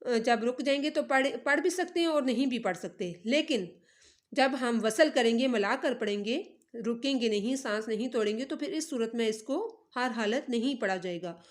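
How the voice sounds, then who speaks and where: A woman teaching Quran recitation, spelling out syllables slowly one by one and then explaining the rules quickly. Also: on the high side. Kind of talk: slow letter-by-letter tajweed lesson.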